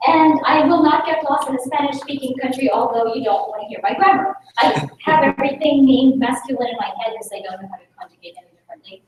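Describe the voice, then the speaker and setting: Fast and with hardly any pauses, a high-pitched Filipino woman, native in Tagalog, delivers an energetic talk with Q&A at a club meeting, engaging the audience through rhetorical questions. She's a little distant from the mic in a very echoey meeting room, with faint noise under her voice.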